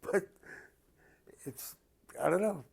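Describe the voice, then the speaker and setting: Mellow Boston man in his fifties. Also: sits high, slow, vocal fry, breathy edge. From Boston area, Massachusetts, USA. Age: 50s. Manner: blunt, plain-spoken, given to swearing. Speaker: interviewee. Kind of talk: casual chat.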